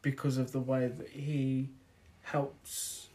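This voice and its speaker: A man co-hosting a podcast, talking in a relaxed, thoughtful and hesitant way. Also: mid-range voice, takes it slowly. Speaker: podcast co-host. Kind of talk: casual chat.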